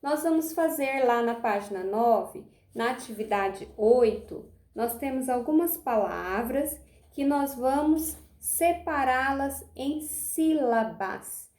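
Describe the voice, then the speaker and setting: Teaching young pupils remotely, this primary school teacher has a high-pitched voice with lively intonation and a darkish tone, recorded with a roomy sound. She is patient, stretches out her words, and checks in often, frequently asking "tá bom?".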